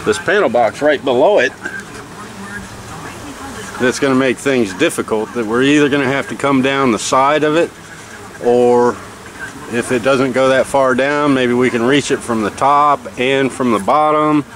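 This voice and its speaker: A relaxed man talks through a job outdoors, plain-spoken and unhurried, with plenty of fillers. His voice sits at an ordinary pitch for a man. Steady outdoor noise runs behind him. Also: rough recording. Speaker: beekeeper doing a bee removal. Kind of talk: casual on-site explanation. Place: outdoors beside a house wall.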